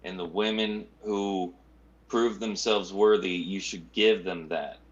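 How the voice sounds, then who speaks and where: A man's voice: low-pitched, fairly even intonation, slow, lo-fi sound. A man co-hosting a casual livestream, teasing the others in a mock-tough way. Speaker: co-host.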